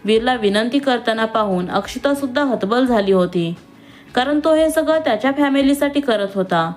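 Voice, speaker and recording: A woman narrating a scripted story in a steady, even way. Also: on the high side, normal speed, faint music behind.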